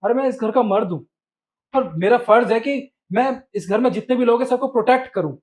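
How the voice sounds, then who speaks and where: A man's voice: extremely high pitch, brisk. An actor playing a husband who accuses his wife of hiding a lover, in melodramatic short-film style. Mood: suspicious. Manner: accusing, indignant. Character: husband Nikhil, confronting a cheating wife.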